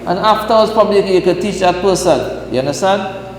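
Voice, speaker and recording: In a mosque hall, a mufti teaches Islamic law to a class, regularly checking in with listeners through "right?" and "what?". His voice is high-pitched and fairly quick, and the recording has a roomy hall echo and faint hiss.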